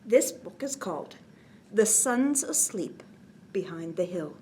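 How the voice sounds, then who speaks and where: A mid-range, animated woman hosts a kids' bedtime storytime, reading a picture book gently and expressively at a slow pace, with casual asides and many near-whispers. Slight background noise is present.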